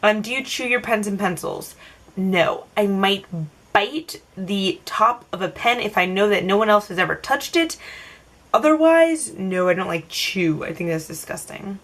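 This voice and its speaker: A young woman talks straight to her camera, working through a list of tag questions. She rambles and fills her answers with "like" and "um", in a voice of middling pitch. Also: expressive, unhurried, a bit bright. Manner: chatty, filler-heavy, self-answering rambles. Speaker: vlogger. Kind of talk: casual tag-video Q&A.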